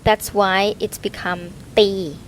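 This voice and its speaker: A woman's voice: medium pitch, flat delivery, takes it slowly, a little hiss or hum. A woman in her thirties from Thailand with a Thai accent, teaching a conversational language lesson step by step and prompting her learner with questions. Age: 30s.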